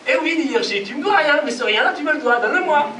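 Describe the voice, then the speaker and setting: A man's voice: very high voice, animated, fast talker, a crowd in the background, voice pushed up. A man voicing a cheeky, stubborn, hungry poor man in a told folk tale, talking insistently and playfully. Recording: distant roomy live recording, noisy.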